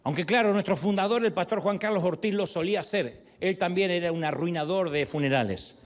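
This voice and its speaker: A man's voice: high-pitched, a little fast. A male pastor preaching a sermon, telling the story with humor and playful asides. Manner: animated storytelling with humor and acted quotes.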